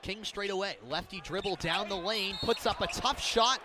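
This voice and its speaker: Clear crowd sound and the thump of a dribbled basketball fill the arena as a man delivers live radio play-by-play. His calls are clipped and vivid, his voice high-pitched, and his pace moderate.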